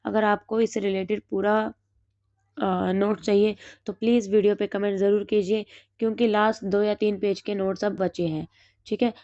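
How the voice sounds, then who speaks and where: A woman with a hoarse throat, teaching exam notes and asking and then answering her own quick questions. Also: medium pitch, warm tone, no echo, highs cut off. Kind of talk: reading through study notes.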